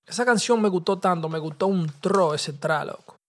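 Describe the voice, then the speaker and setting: A man's voice: sits high, moderate pace, fairly bright tone. A young man with a Dominican Spanish accent tells a personal story in loose street slang, casual and conversational, dropping English words. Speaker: podcast host telling a personal story.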